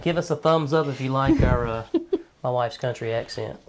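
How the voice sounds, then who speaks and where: A man's voice: medium pitch, moderate pace, noisy background. A man co-hosting a home cooking video, teasing his wife good-humoredly and reading out the ingredients. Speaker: co-host, husband. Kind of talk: casual cooking chat. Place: home kitchen.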